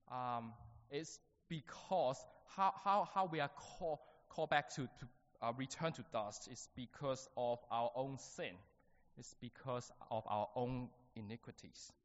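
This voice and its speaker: A man delivers a sermon to his congregation in a hesitant, stop-start way, often repeating words and filling pauses. His voice carries a long, hall-like reverb, and the recording sounds somewhat dull and muffled. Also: mid-range voice, fairly bright tone. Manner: halting, with many fillers and restarts. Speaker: preacher.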